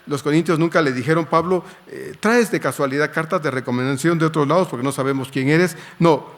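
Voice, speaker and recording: Pastor preaching conversationally. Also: male voice, fairly high pitch. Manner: conversational preaching with anecdotes and rhetorical questions. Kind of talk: sermon.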